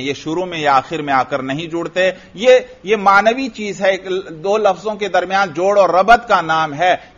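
A man's voice: a little high, fairly bright tone, lo-fi sound. A man teaching a classical grammar lesson, asking his students questions and answering them himself, repeating each point. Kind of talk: Arabic grammar lesson in Urdu.

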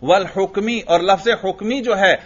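In a classroom lecture, a male teacher with a high-sitting voice reads Arabic lines slowly, explains them, and asks his students questions he then answers himself. The recording sounds dull and lo-fi.

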